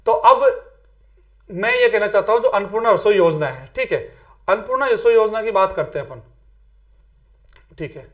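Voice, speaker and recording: A man's voice: high voice, lively intonation, normal speed, long pauses. A man teaching an exam-prep lesson in a chatty way, often tagging on "theek hai" and mixing in English words. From Rajasthan, India. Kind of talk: casual Hindi exam-prep lecture.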